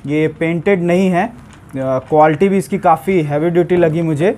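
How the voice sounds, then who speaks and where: A young man with a fairly high, darkish-toned voice talks at a moderate pace while casually reviewing and demonstrating a pressure washer gun. He chats with his viewers like friends while washing a car outdoors in a yard, with the camera set a few steps away.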